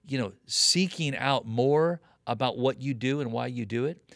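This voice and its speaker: A man in his late fifties speaks with a pastor's earnest, emphatic cadence and leans on repetition to drive his points home. His voice sits at an ordinary pitch. It is recorded close and dry, with no room sound. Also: moderate pace, vocal fry, a bit bright, dry recording. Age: 50s. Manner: earnest preacherly, emphatic repetition, frequent "you know" and "man". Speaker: pastor and guest. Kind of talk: conversational interview on ministry leadership.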